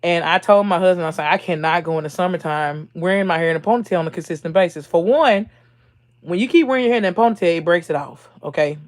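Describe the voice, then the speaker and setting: A woman's voice: on the low side, fast. A woman hosting her own livestream, chatting casually with viewers, reading their comments aloud and laughing often. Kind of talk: casual live chat.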